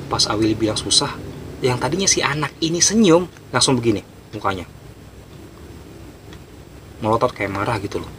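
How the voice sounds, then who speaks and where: A man telling a horror story in a casual, animated way, acting out the scenes. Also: medium pitch, normal speed, pauses often, noisy background. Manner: animated, emphatic, acts out scenes.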